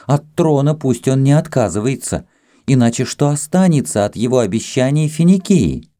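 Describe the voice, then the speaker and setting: A man's voice: mid-range voice, sing-song, a little slow, warm tone, voice pushed up. A man voicing a coy, scheming young priestess with a lilting, haughty manner in an audiobook. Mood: teasing.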